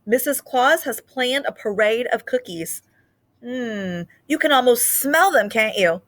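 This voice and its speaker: A woman voicing a kindly, jolly old Santa in a children's storybook, speaking with gentle, measured emphasis. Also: a little high, lively intonation, pitched above the performer's own voice. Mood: gently coaxing. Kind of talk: children's storybook read-aloud.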